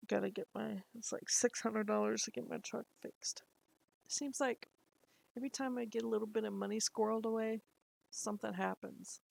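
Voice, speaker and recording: Middle-aged woman, gravelly voice, rambling home vlog chat, laughs a lot. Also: fairly high pitch, fairly even intonation, normal speed, darkish tone, low-quality recording. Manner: rambling, chatty, laughs often. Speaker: lifestyle vlogger. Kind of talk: casual chat to camera. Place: at home, indoors.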